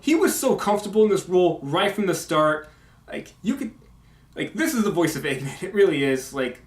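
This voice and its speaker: Mumbling, halting gamer guy. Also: on the high side. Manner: mumbling, halting, full of fillers. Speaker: video game commentator. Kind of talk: casual vlog update. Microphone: condenser mic. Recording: echoey home room.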